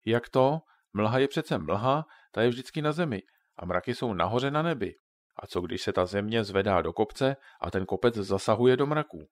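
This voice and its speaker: A man's voice: on the low side, animated, no room sound, studio quality, close to an everyday voice. A man voicing a joking father who patiently explains things to his children in a storybook reading. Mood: jokey explaining.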